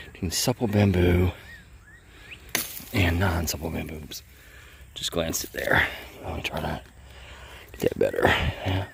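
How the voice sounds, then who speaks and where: A man's voice: low voice, creaky, noisy background. A man from the States, filming a playful outdoor vlog on a handheld phone and teasing the plants as he talks. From southern United States. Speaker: bladesmith hobbyist vlogger. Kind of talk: casual outdoor demo vlog. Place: outdoors in a bamboo grove.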